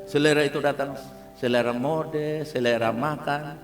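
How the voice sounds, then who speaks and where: A man pastor with a Kupang Malay accent preaches a sermon in a lively, humorous way, often turning to the congregation. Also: on the high side, normal speed, soft background music. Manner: lively, humorous, addresses listeners as "saudara kasih" often. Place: large church hall. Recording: church service with long reverb.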